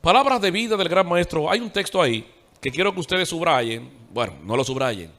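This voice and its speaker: A man preaching a sermon in a church, asking the congregation rhetorical questions in an animated way. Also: fairly high pitch, a little fast.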